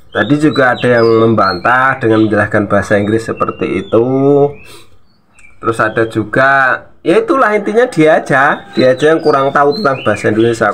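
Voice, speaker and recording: A man's voice: mid-range voice, fairly bright tone, slight background noise. A man hosting a reaction video, scolding and mocking in casual commentary with frequent laughs.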